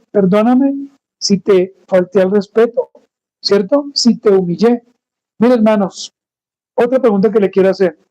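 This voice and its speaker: A man's voice: sits high, dark tone, highs cut off. A man preaching a sermon as pastor, firing rhetorical questions and calling the congregation "brothers" again and again. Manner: rhetorical questions, repeats "hermanos" constantly.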